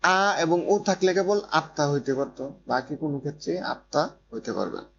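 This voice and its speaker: Here the Korean teacher's voice is fairly high and lively, with quick delivery and some vocal fry. He repeats each grammar point and asks if everyone follows, captured on a dull lo-fi recording with faint noise and hum.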